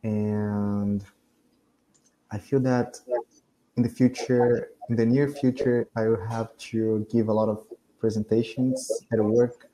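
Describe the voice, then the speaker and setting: On a video call, a young adult Portuguese speaker chats casually to practice his English, frequently laughing, hesitating and fixing his own mistakes. His slow, mellow voice sits on the low side with a flat delivery, and the poor audio carries a little hiss or hum.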